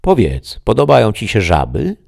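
A mysterious, invisible presence from an audiobook tale, as a male narrator puts it on, speaking in a calm, solemn and unhurried way. The voice is husky and gravelly, raised above the reader's usual very low register and projected louder. It sounds all-knowing and serene. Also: full character voice.

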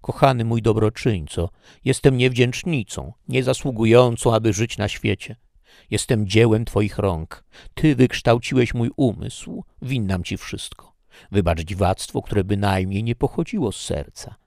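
A man's voice: lowish voice, unhurried, gravelly, darkish tone, dry recording, clean studio sound, voice pushed up. A man voicing a capricious, passionate young woman who speaks vehemently and theatrically. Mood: sweetly pleading.

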